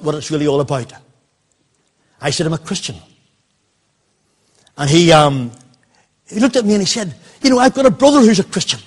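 An older man, telling a personal story in a sermon and quoting the people in it. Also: on the high side. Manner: anecdotal, quoting others in dialogue. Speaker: preacher.

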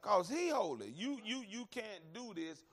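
A man with a high, very lively voice leads a Bible study. He talks in a folksy, emphatic way, circling back over phrases and addressing his listeners directly as he preaches. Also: measured pace. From Alabama, American South. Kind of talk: conversational sermon and Bible teaching.

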